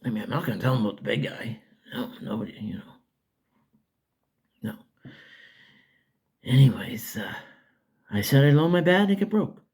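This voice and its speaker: An older man from Canada telling a folksy, rambling childhood story in a casual, lively way. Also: mid-range voice, moderate pace, long pauses, breathy edge. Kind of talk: casual spoken memoir.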